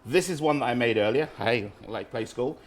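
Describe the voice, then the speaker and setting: A man's voice: medium pitch, normal speed, slight background noise. A man from Barbados, casually explaining dishes as a street-food cook in a cooking demonstration. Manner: informal, explanatory.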